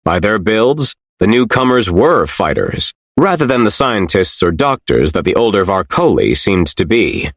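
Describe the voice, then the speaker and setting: Low-voiced man narrating an audiobook. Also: normal speed, few pauses, no echo, clean studio sound. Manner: expressive, lively storytelling. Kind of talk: scripted fiction narration.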